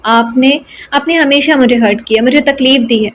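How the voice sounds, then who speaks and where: A woman's voice: sits high, slight background noise, close to an everyday voice. A woman voicing a timid young bride who speaks in a tearful, pleading way in an audio novel.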